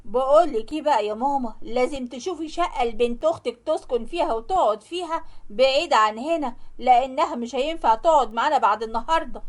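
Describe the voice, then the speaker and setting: A man's voice: very high voice, fast. A woman with an Egyptian accent voicing a pushy, evasive young man who talks insistently and dismissively. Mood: irritated. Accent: Egyptian Arabic.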